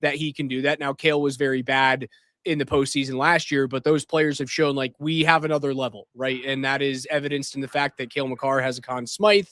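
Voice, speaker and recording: A man hosting live post-game hockey commentary, speaking emphatically and deliberately, often repeating phrases for weight. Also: a little high, a bit bright, no echo. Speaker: sports show host. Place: hockey arena after a game. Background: arena racket.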